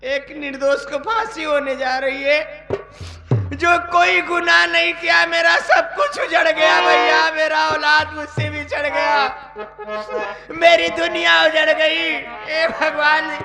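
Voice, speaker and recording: Desperate innocent sister in folk theatre, slow wailing pleas, really loud music behind. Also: male voice, very high-pitched, level tone, vocal fry, long reverb tail, exaggerated voice. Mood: anguished, indignant. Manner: wailing, declamatory, repetitive pleading. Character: desperate wronged sister pleading her innocence. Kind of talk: nautanki folk stage melodrama. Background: loud folk instruments with tabla.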